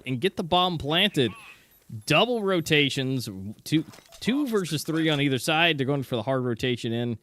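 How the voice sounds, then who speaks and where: A man's voice: fairly high pitch, a bit bright. A man commentating an esports match live, casual and exclamatory, mixing reactions with conversational analysis. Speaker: esports caster.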